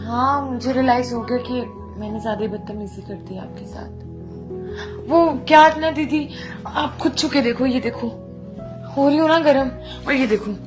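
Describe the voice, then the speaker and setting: A high-voiced young woman, as an actress plays her in a web drama, coaxing and apologetic, chattering on to her sister-in-law. Clear background score music plays behind her. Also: moderate pace, natural voice. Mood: pleading, apologetic. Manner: pleading, chatty, wheedling.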